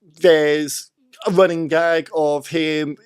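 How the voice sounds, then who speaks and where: Speaking slowly with a smooth, flat delivery, a British man with a fairly high voice chats casually about film. He builds his argument step by step and leans on repetition to stress his points.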